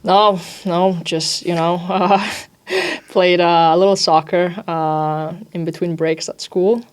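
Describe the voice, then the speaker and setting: A young woman, an ice hockey defender raised in Italy with Italian as her native language, answers interview questions in a relaxed, informal way about athletic life. Her voice is slightly low for a woman, slow and smooth, and she scatters "like" and "you know" throughout.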